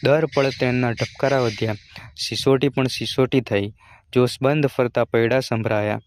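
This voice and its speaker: A man reading a folk story aloud in a steady, measured way. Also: mid-range voice, dry recording, clean studio sound.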